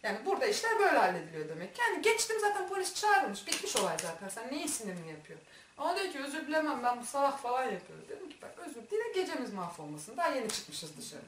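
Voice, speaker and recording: A woman's voice: a little high, background noise. A woman vlogger telling a story, acting out the dialogue and laughing often. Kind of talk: animated storytelling. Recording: echoey room, mic far off.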